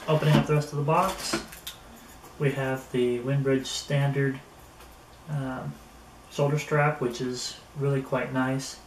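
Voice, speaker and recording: This is a casual gear review spoken to camera by a middle-aged man at a table in a small indoor room. He keeps a relaxed, gentle pace and a fairly flat pitch, and the camera mic several metres away makes the sound roomy, echoey, and noisy.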